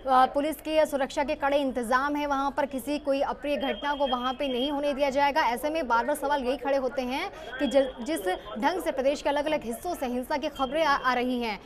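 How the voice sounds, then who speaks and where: High-voiced woman anchoring the news. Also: steady tone, brisk, few pauses, a crowd in the background. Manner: formal, questioning a reporter. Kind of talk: live news bulletin.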